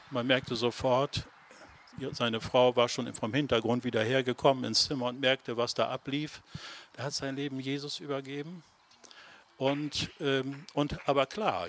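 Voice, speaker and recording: Male preacher, slightly high voice, storytelling sermon that builds to emphatic points, talks straight to the congregation. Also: a bit bright. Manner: tells a story, then builds up with raised, emphatic phrases; talks straight to the listeners, with many tag questions.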